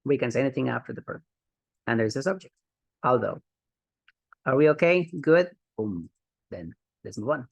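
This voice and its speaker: A man's voice: mid-range voice, big pitch swings, moderate pace, vocal fry, long pauses, no echo, lo-fi sound. A man teaching an online English grammar lesson in an upbeat way, repeating key words for emphasis.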